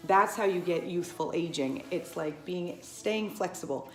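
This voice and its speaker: A woman near fifty who instructs Pilates rambles chattily to the camera in a casual vlog, repeatedly restarting and going off on asides. She speaks at a measured pace in a fairly low pitch. The audio is low quality, with a roomy sound.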